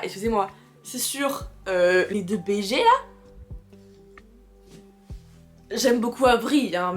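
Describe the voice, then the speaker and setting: A woman presenting books in a casual vlog, chatty and excitable, laughing often and reading back-cover blurbs aloud. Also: a little high. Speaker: booktuber. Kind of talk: casual book haul chat.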